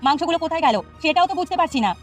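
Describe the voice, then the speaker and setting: A woman's voice: very high voice, very fast, soft background music. A woman voicing a fretful, scolding village housewife in a cartoon.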